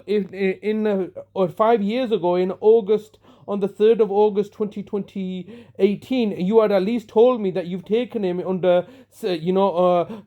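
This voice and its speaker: A man leaving a long, aggrieved voicemail, heard over a phone line, accusing and stumbling over fillers as he goes. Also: high-pitched. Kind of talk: long complaining voice message. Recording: muffled phone-line recording.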